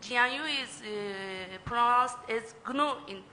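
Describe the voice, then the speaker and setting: A woman's voice: fairly high pitch, a little slow, sharp tone, long reverb tail, slight background noise. A woman asking the speaker a question from the audience, hesitant and full of filler sounds. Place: lecture hall.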